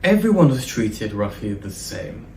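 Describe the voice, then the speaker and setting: A man's voice: mid-range voice, big pitch swings, a little slow, darkish tone. A man, an interview guest speaking earnestly and hesitantly with frequent ums. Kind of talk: conversational interview. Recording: echoey room, distant mic, faint background noise.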